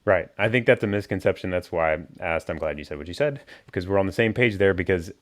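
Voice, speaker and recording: Very deep-voiced relaxed male host. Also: fast. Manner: relaxed, rambling, many fillers. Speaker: podcast host. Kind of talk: casual podcast conversation.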